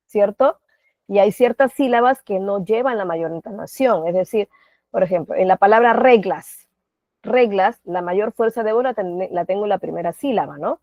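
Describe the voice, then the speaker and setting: Teaching a class online, this woman from Peru speaks in a mid-range, slightly mellow voice with Peruvian Spanish pronunciation. She's patient, frequently quizzing the class and ending lines with tag questions, all captured in dry, phone-quality audio without echo.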